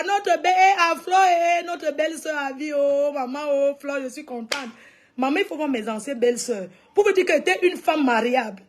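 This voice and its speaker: A woman with a Cameroonian French accent chatting live with her viewers, animated and exclamatory, calling out to them again and again. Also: high-pitched. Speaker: live streamer. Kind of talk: casual livestream chat with viewers.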